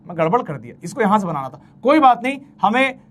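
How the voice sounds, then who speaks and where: A man teaches a relaxed math lesson. He chats playfully with his students, counts steps out loud as he draws, and keeps calling them brother. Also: high-pitched, fast talker. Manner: chatty, playful, talks to students as "bhai"; counts steps aloud while drawing. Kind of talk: casual Hinglish math lecture.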